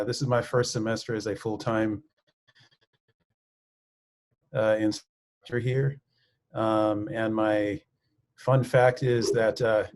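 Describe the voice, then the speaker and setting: A man's voice: lowish voice, a little mellow. A male physics instructor moderating a video call panel in an easygoing way.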